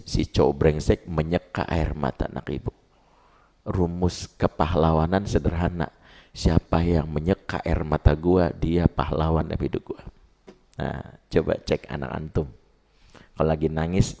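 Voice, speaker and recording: Male preacher, deep voice with fry, chatty storytelling sermon. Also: mellow. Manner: casual storytelling with slang. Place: mosque.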